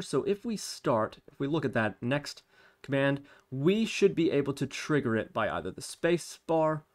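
Clear keyboard typing and mouse clicks accompany a man with a mid-range voice who hosts a tutorial. He explains each step while doing it on screen, reasoning out loud as he works.

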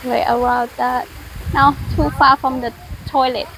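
High-voiced woman, short playful replies. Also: flat delivery, a little slow, creaky, fairly bright tone, a little hiss or hum, rough recording. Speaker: host's wife. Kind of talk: casual chat. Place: outdoor restaurant.

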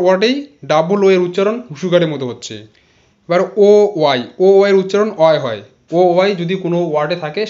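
Male teacher, high voice, patient letter-by-letter explainer, dull lo-fi recording. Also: a little mellow. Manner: spells words letter by letter, repeats each sound. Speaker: English teacher. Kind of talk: explanatory lesson.

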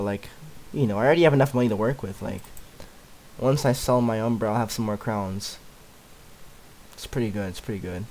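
Young male gaming YouTuber, low-ish voice, rambling commentary full of "like," chuckles often. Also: a little mellow, a little hiss or hum, poor audio. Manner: filler-heavy rambling, "like" everywhere. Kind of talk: casual gameplay commentary.

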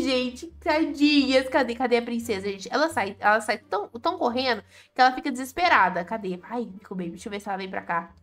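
A Brazilian woman gaming YouTuber gives excited, playful commentary with dramatic exclamations while playing a game. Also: sits high. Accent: Brazilian Portuguese.

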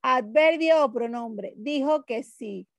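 Woman teacher, slow deliberate explainer, fairly high voice, dry close mic. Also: no echo. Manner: explains slowly with examples, checks in with "¿ok?". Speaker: Spanish teacher. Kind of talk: online class lesson.

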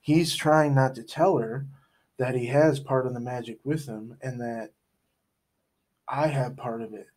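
A man's voice: medium pitch, steady tone, a little slow, a little mellow, lightly acted. A man voicing an anxious boy who explains things in a hesitant, earnest way. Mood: worried.

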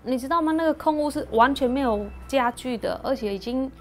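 Casting: soft, halting woman in her 30s, from Cambodia, fairly high voice, quiet music beneath. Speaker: interviewee, university student. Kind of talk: documentary interview. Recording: clean documentary audio with music underneath. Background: soft background music.

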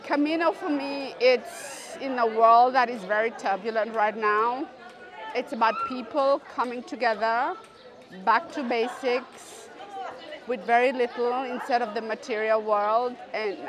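A woman's voice: fairly high pitch, a little slow, a crowd in the background. A woman in her fifties from the Seychelles, speaking reflectively in a street interview in a city square. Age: 50s. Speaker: pilgrim interviewee.

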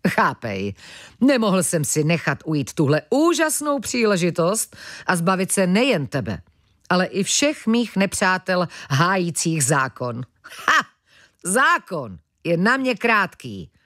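A woman voicing a pompous, villainous male professor who is touchy about his title, shrill and contemptuous, for a children's audiobook. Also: animated, a bit bright, dry recording, studio quality. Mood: gloating scornful. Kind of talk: audiobook character voice.

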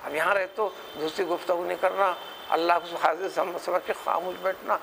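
Emphatic, gravelly man preaching. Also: high voice, flat delivery, moderate pace, fairly bright tone, a little hiss or hum, poor audio. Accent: Hyderabadi. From India. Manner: rhetorical, mimics others in quotes, emphatic questions. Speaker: Quran scholar. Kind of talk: religious lecture.

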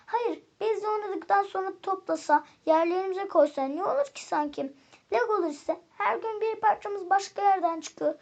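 A woman's voice: extremely high pitch, moderate pace, voice pushed up. A woman voicing a toy ball in a storybook, complaining plaintively. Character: lonely bouncing toy ball.

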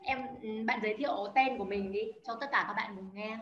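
A woman's voice: mid-range voice, a little fast, fairly bright tone. A woman teaching a beginner language class online over a video call, explaining step by step and calling on students by name. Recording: echoey, dull lo-fi audio with faint noise.

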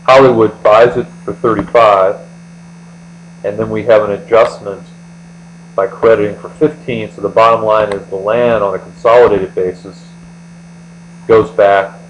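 With a lowish voice, a moderate pace and long pauses, an American man methodically explains an accounting lecture step by step as a tutor. It's an indoor voice-over on a screen recording, captured in poor audio with a steady mains hum.

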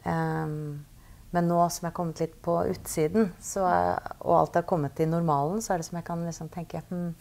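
Woman client, low and gravelly, thoughtful hesitant speech. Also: steady tone, darkish tone. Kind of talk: reflective conversation.

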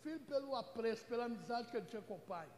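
A woman's voice: a little high, animated, rapid-fire, a little mellow, a little hiss or hum. A Brazilian woman missionary preaching a Pentecostal sermon, speaking emphatically and asking the congregation direct questions. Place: church hall. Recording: echoey church hall with long reverb.

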